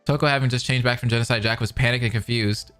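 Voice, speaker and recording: A male streamer reads a fan-dubbed visual novel aloud, narrating and reacting with casual, slangy enthusiasm. His voice sits at a medium pitch with fairly even intonation, a quick pace, and a fairly bright tone. Music plays behind him.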